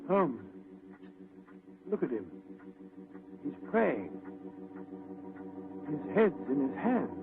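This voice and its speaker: An actor playing a bluff, excitable male doctor sidekick in an old radio drama, blustering and stammering. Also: fairly high pitch, extremely slow, creaky, over music, full character voice. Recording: dry phone-like old radio recording.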